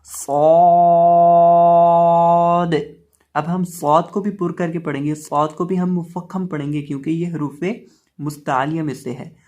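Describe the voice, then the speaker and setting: A man teaching the pronunciation of letters in a step-by-step lesson, calling out each letter loudly and drawn out, then explaining calmly. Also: a little high, normal speed. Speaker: Quran reading teacher.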